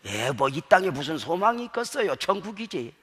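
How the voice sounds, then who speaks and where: A male pastor preaching a sermon. He moves from hushed storytelling to shouted exhortation and calls on the congregation to answer aloud. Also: a little high, very animated, brisk, husky. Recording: long hall reverb.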